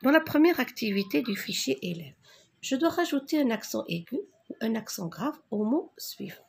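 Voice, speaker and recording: Husky woman teacher, slow and a bit gravelly, reading out spelling answers. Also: a little high, animated. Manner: slow, dictating spelling, repeats words. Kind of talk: worksheet correction lesson.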